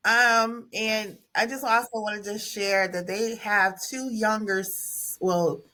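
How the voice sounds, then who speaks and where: A woman's voice: medium pitch, fairly even intonation, takes it slowly, pushed and bright. A middle-aged woman hosting a podcast, talking casually with her nieces, with many fillers and restarts. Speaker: podcast host. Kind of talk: casual family conversation.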